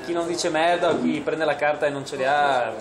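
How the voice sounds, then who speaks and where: A man's voice: on the high side, fairly even intonation, a little fast. A man with a Venetian Italian accent, bickering casually and coarsely over a card game. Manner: argumentative, coarse. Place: small indoor bar. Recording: echoey room, very loud bar chatter.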